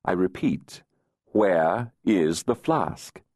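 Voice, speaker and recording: A man's voice: deep voice, lively intonation, very slow, a little mellow, dry recording, studio quality, exaggerated voice. A man voicing an insolent, teasing male fairy nobleman in an audiobook, with a purring, mocking, theatrical manner. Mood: pressing. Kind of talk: audiobook character voice.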